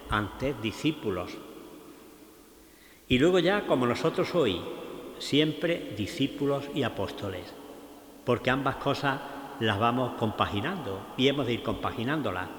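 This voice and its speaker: Andalusian priest preaching in an echoey church. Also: male voice, medium pitch, expressive, a bit bright. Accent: Spanish from Andalusia. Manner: slow, reflective, with rhetorical questions. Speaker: priest giving a Lenten lecture. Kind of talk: sermon. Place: large church. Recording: echoey church with long reverb.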